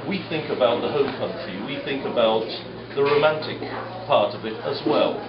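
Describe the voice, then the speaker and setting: Speaking at normal speed in a mid-range voice, a British-accented government advisor from the United Kingdom offers a group a wordy, informal introduction that pokes fun at himself. The sound is muffled and echoey, with crowd noise in the room.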